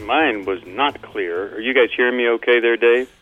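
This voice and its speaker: A male radio host talking casually with easygoing, halting speech, heard over a muffled, echoing remote line that sounds like he is in a tunnel. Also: mid-range voice, soft background music. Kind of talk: casual on-air chat. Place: remote broadcast from a fundraising event.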